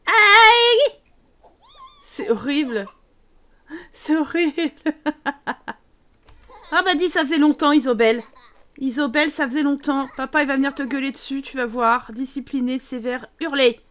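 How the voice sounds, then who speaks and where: Young woman gamer with a high voice, chatty, grumbles at her sims. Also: fairly even intonation, normal speed, long pauses. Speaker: gaming YouTuber. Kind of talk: casual let's play commentary.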